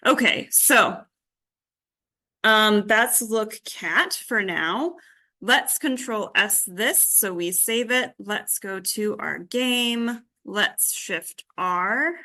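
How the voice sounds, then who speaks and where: A woman instructs an informal live coding demonstration during an indoor group workshop, thinking aloud tentatively as she works. Her mid-range voice sounds pushed and bright, and she draws out her words.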